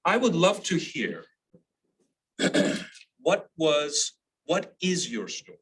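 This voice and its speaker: A man's voice: a little high, very animated, extremely slow, fairly bright tone. A man moderating a panel discussion, talking reflectively with repeats and restarts. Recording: distant mic with faint noise.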